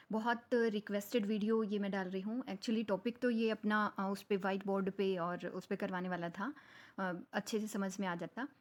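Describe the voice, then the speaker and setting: A young woman, a Hindi speaker, explaining a lesson in a conversational way and mixing terms into her Hindi. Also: mid-range voice. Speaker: English teacher. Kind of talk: explanatory lecture.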